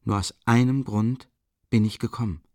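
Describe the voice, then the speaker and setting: A man's voice: medium pitch, fairly even intonation, moderate pace, a little mellow, dry recording, studio quality, close to an everyday voice. A man reading an audiobook voices a tormented young man, agitated, musing half aloud with bitter mockery.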